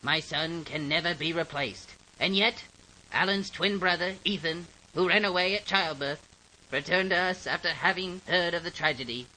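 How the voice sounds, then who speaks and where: A solemn older father mourning in a mock documentary. His voice is fairly high and forceful, over faint hiss. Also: normal speed, poor audio.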